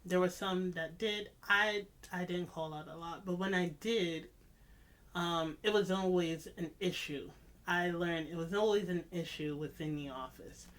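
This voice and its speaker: A vlogger telling a personal story in a reflective, confessional way, with deliberate, halting phrasing and emphatic repetition. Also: medium pitch, fairly bright tone.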